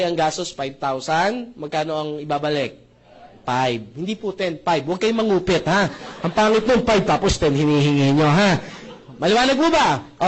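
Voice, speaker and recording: High-voiced joking male seminar speaker. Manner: joking, keeps asking the audience "tama ba?"; polite, addresses the crowd with "po" and "mga brother, mga sister". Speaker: seminar speaker presenting a marketing plan. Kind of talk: lively seminar presentation mixing Tagalog and English.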